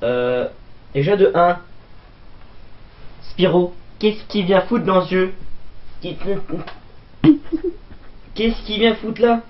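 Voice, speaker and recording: A man's voice: sits high, lively intonation, takes it slowly, long pauses. A man hosting a comedic toy-figure show as a goofy mock presenter, jokey and brusque. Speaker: host. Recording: muffled lo-fi recording.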